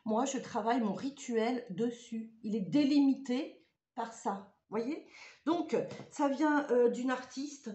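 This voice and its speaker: A chatty woman explaining things step by step, pausing often on fillers as she thinks aloud. Her voice sits a bit high, and the room around her rings with noticeable echo. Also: warm tone. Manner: chatty, hesitant, many fillers. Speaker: ritual practice vlogger. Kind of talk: casual spoken tutorial. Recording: roomy echoey room.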